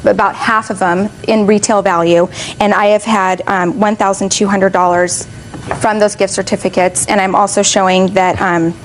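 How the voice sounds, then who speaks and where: A woman's voice: medium pitch, fairly even intonation, moderate pace. Woman plaintiff testifying, faint background noise. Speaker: plaintiff in TV court. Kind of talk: formal courtroom testimony.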